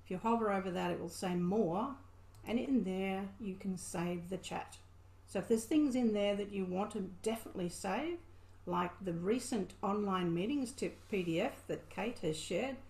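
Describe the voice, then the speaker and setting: A woman trainer running an online meeting, her voice bouncing around an echoey room over a video call. She explains steps clearly and cheers on others in an encouraging, instructive way. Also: mid-range voice, moderate pace, darkish tone. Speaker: Toastmasters mentor and trainer.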